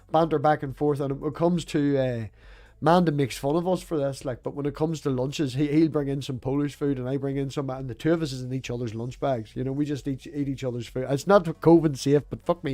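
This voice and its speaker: A man's voice: a little high, darkish tone. Northern Irish man with Ulster Scots accent, rambling bluntly. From Northern Ireland. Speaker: livestream host. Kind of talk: casual livestream chat.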